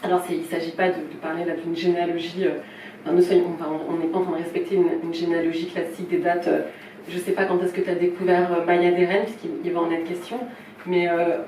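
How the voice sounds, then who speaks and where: A woman's voice: on the low side, flat delivery, quick pace, warm tone. A woman presenting a filmmaker at a small event, speaking informally, hesitant and apologetic, with many restarts. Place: film shop event room, with people present. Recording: roomy, distant mic, faint noise.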